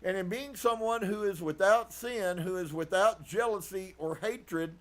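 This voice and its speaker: A man preaching earnestly as a pastor, reading from a book and reflecting on it with soft laughs. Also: high-pitched, unhurried. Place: live stream.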